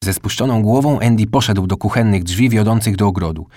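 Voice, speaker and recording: A man reading a children's story aloud in calm, scripted narration. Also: fairly low pitch, brisk, no room sound, clean studio sound. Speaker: audiobook narrator.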